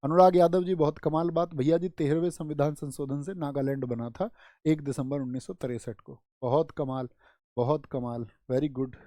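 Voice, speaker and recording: A male coaching teacher tells playful memory stories and keeps asking his students questions as he goes. His voice sits a little high but sounds mellow and dark. The recording is close and dry, with almost no room sound. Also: moderate pace, no echo. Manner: animated storytelling mnemonics, addresses students directly. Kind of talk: online exam-prep class.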